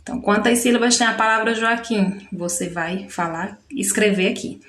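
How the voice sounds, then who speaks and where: A woman teaching a children's workbook lesson with Brazilian Portuguese speech, patiently slowing down to spell out syllables. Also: medium pitch, fairly bright tone. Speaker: primary school teacher. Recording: echoey room.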